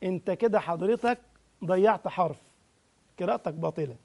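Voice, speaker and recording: A man with an Egyptian accent teaching Quran recitation, drawing out the verses slowly and breaking into quick, chatty corrections. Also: sits high, gravelly, darkish tone. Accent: Egyptian Arabic. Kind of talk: tajweed lesson with slow demonstrations.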